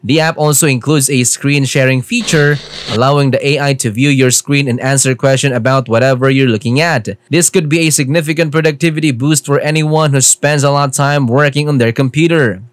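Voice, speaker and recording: A man narrating a scripted tech explainer in an even, informative way. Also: medium pitch, brisk, few pauses.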